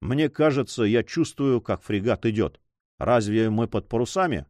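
Feverish sea captain, grieving nobleman, weak broken speech, lively swinging pitch, dry close sound, read by a man. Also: normal speed, no echo, close to an everyday voice.

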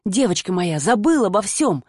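A woman narrator voicing a pushy, obsessive young man who coos and then yells angrily, in a dry close recording. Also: mid-range voice, very animated, normal speed, breathy edge, no room sound. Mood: cooing. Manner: cooing, then yelling angrily.

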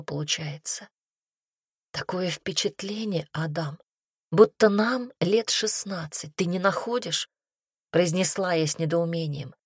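A woman's voice: lowish voice, a little mellow, slightly rough, dry recording, clean studio sound. A woman expressively narrating a first-person audiobook.

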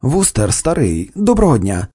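A man's voice: medium pitch, very animated, moderate pace, dark tone, slightly rough, no echo, clean studio sound. A man voicing a haughty young aristocrat who is proud of his old family, in an audiobook. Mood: breezy. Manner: indignant, breezy.

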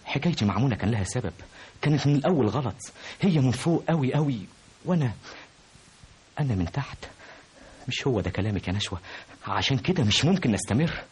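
An actor playing a young doctor who pleads softly with the woman he loves, in an old radio drama. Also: mid-range voice, lively intonation, quick pace, pauses often, breathy edge. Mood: pleading. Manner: soft, pleading, insistent. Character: young doctor, secretly engaged, pleading lover. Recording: noisy old radio drama with car sounds.

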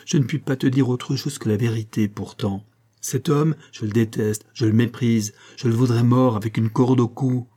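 A man's voice: medium pitch, steady tone, normal speed, warm tone, breathy edge, natural voice. A man reading aloud voices a young country woman confessing, vehement and pleading.

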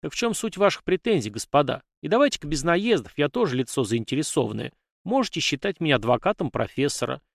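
A man's voice: a little high, very animated, fast talker, creaky, hardly any pauses, no echo, clean studio sound. A man voicing a wry, easygoing young male sidekick who talks in a soothing, mock-formal way in an audiobook.

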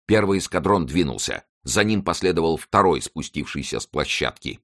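A man reads an adventure audiobook in a steady, dramatic way. His voice sits very low and deep. The reading is scripted and evenly paced. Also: moderate pace, dry recording, studio quality. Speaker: audiobook narrator. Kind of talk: scripted narration.

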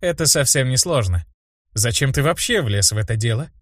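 A man's voice: medium pitch, lively intonation, a little fast, a bit bright, dry recording, studio quality. A man voicing a cool, curious woman mage who watches the quarrel with amusement. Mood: amused.

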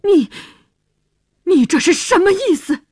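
A woman's voice: extremely high pitch, animated, slow pace, a little mellow, no echo, clean studio sound, pitched above the performer's own voice, exaggerated voice. A woman voicing a confused, upset young man who stammers out questions in a told story. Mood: baffled.

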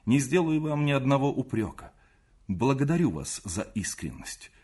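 A man's voice: mid-range voice, big pitch swings, moderate pace, darkish tone, slightly rough, voice pushed up. A man playing a desperate, pleading young suitor in an audiobook reading, speaking with raised passion. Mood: bitter.

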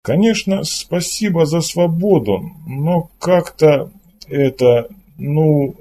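A man voicing a freed male slave in an audiobook, talking in a halting, disbelieving way with a raised voice. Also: on the high side, lively intonation, warm tone, slight background noise, pitched above the performer's own voice. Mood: hesitant. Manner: hesitant, halting, incredulous. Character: rescued middle-aged male slave, bewildered and pleading.

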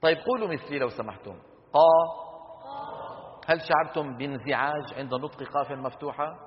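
A man's voice: mid-range voice, fast talker, slight background noise. A man teaching Quran recitation to a class, explaining patiently, quizzing students with rhetorical questions and demonstrating sounds. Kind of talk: classroom lecture on tajweed. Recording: lo-fi hall recording with long reverb.

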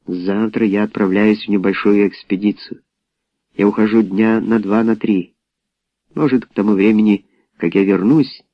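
A man's voice: lowish voice, fairly even intonation, normal speed, dry recording. A man voicing a cold, dry-humored male teacher in an audiobook. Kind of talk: audiobook character voice. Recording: dull lo-fi audiobook recording.

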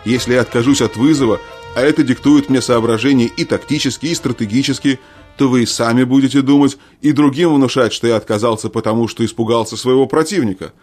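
A man's voice: mid-range voice, fast, a little mellow, soft background music, lightly acted. A man voicing a proud, angry middle-aged king in a storybook reading, blustering and scornful.

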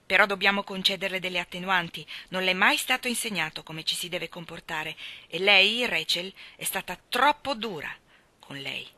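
A woman's voice: lowish voice, expressive, normal speed, bright, forceful tone, dry recording. A woman reading aloud, voicing a stern, dry middle-aged spinster who speaks curtly and firmly. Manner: curt and firm.

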